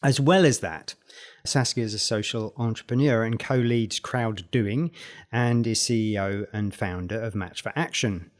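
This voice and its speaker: A man with a New Zealand accent, hosting a podcast and introducing his guest in a measured, formal way. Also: on the low side. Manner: measured, formal reading then friendly invitation. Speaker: podcast host.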